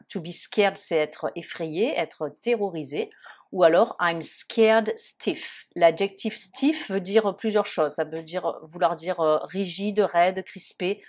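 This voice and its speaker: A woman's voice: on the low side, darkish tone. A woman, patiently explaining English expressions in a lesson, with frequent hesitations. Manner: patient, explanatory, many fillers like euh and hein. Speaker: English teacher.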